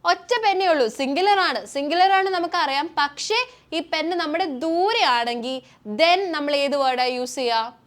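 A woman's voice: sits high, fairly bright tone. A woman with a Malayali accent teaching a spoken English lesson in Malayalam, who poses questions to the class and answers them herself.

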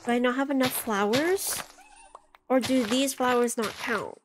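A woman's voice: on the high side, measured pace, background noise. A young woman chatting casually through a game, easily startled, often yelping and screaming in alarm. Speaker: gaming YouTuber. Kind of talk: casual let's play commentary. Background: soft background music.

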